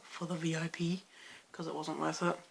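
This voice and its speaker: A young Australian man with a hoarse, croaky voice, chatting loosely in a late-night vlog and rambling through restarts. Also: fairly high pitch, little pitch movement, normal speed, slight background noise. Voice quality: gravelly fry. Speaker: vlogger.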